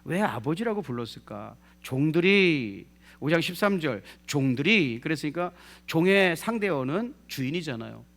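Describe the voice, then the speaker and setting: A male pastor preaching a sermon in a lively way, putting questions to the congregation and acting out what people say. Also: fairly high pitch, normal speed, creaky. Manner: lively, asks the congregation questions, acts out quoted speech.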